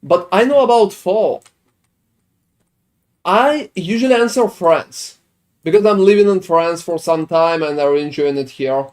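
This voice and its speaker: A Swedish man streams a video game and chats casually with viewers, rambling and swearing while answering their questions. His voice is high-pitched and his pace measured.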